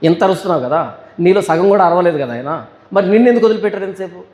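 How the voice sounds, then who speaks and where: A male pastor giving a Bible study sermon. He asks rhetorical questions and answers them, and he reads scripture verses slowly and deliberately. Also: high voice, lively intonation, darkish tone, big-room sound.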